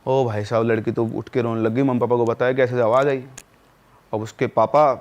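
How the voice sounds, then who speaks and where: A man's voice: mid-range voice, fairly even intonation, brisk, a little mellow, dull audio. A man narrating a spooky story in a conversational podcast style, with dramatic asides to the listener. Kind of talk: casual spoken horror storytelling.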